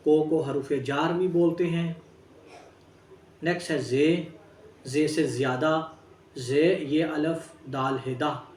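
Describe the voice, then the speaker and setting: A man's voice: on the high side, darkish tone, a little hiss or hum. A man teaching a Braille lesson, spelling out each word letter by letter and talking straight to his students. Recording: echoey room, distant mic.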